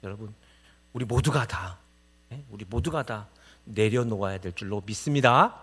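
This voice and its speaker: Man, pastor, sermon, middle-aged, bright tense voice, rhetorical questions, emphatic. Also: fairly low pitch, normal speed, slightly rough. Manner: preaching with rhetorical questions to the congregation; rises to emphatic exclamations.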